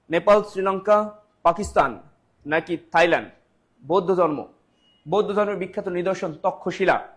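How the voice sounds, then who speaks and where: A man, teaching a live online exam-prep class. He quizzes viewers, repeats the answers and reads out the names of commenters. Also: sits high.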